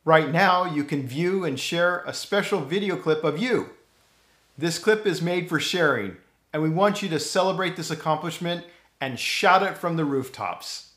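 Middle-aged man announcing a virtual ceremony, encouraging and upbeat, a bit high-pitched, roomy echo. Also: moderate pace, a bit bright. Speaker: university official introducing the ceremony. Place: home office with bookshelves. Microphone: fixed camera, chest-up framing. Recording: echoey indoor room.

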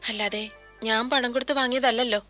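Arya, a humble young bride. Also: female voice, a little high, fairly even intonation, fast talker, soft background music. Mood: subdued. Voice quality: soft, subdued. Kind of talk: TV serial acting.

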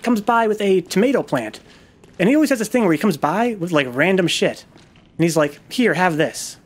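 Male gaming host, casual and profane, rambling self-deprecating storyteller, slightly high voice. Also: animated, moderate pace. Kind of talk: casual gameplay commentary with storytelling.

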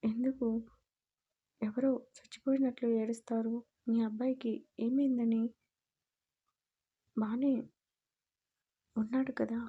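Brazen young wife, blunt and cheeky , as a woman narrator voices her, in a flat, husky storybook read. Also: fairly high pitch, moderate pace, muffled recording. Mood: defiant.

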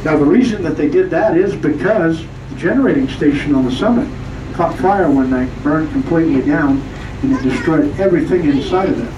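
Train guide, explanatory commentary, far from mic, loud train noise. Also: medium pitch, fairly quick, reverberant, highs cut off. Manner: explanatory, steady. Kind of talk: tour commentary.

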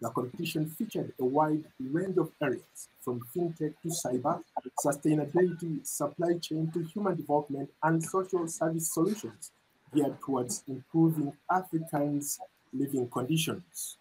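A middle-aged man reporting and hosting a news interview, speaking in a measured way, with fillers when he ad-libs. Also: fairly high pitch, a little mellow, slight background noise, poor audio. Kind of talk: broadcast news narration and interviewing. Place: studio with branded backdrop. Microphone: lapel mic.

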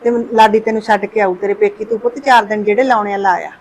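A woman playing a kind, ailing older mother-in-law in a family short film, speaking softly and coaxingly. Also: medium pitch, steady tone, quick pace, slight background noise, lightly acted, low-quality recording.

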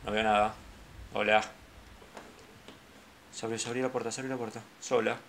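A gamer with a Rioplatense Spanish accent giving chatty let's-play commentary into a headset mic, dropping to low mutters between startled outbursts. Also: level tone, moderate pace, vocal fry, a bit bright, a little hiss or hum.

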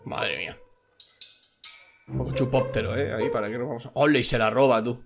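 A man giving excitable gameplay commentary, often shouting and laughing at big plays. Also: medium pitch, rapid-fire, creaky, over music. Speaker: gaming youtuber.

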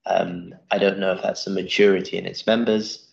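A man's voice: sits low, level tone, brisk, creaky, echoey room, dull audio. A young man hosting a live interview and reading out audience questions in a wood-panelled office. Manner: friendly, reads audience questions.

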